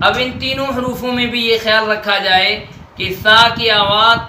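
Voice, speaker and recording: A man with a Pakistani Urdu accent teaching Quran letter pronunciation, drilling letters slowly and deliberately. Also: high-pitched, steady tone, pushed and bright. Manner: slow, deliberate letter drills with stretched sounds. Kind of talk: Noorani Qaida pronunciation lesson. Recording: echoey room with faint noise.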